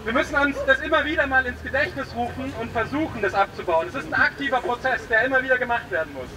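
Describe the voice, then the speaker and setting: Speaking fast at an extremely high pitch, a man addresses a street protest by megaphone in an informal, hesitant speech. The recording comes from a distance outdoors at a street blockade, with street noise.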